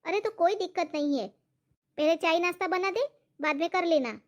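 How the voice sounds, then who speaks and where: A woman's voice: very high-pitched, moderate pace. A woman playing a greedy, demanding old mother-in-law who keeps bossing her daughter-in-law about food. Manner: nagging, bossy.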